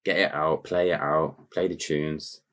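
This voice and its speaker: A man's voice: rumbling low, level tone, a little slow, fairly bright tone. A young man co-hosting a podcast, chatting casually in slang-heavy banter. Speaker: podcast co-host. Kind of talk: casual chat.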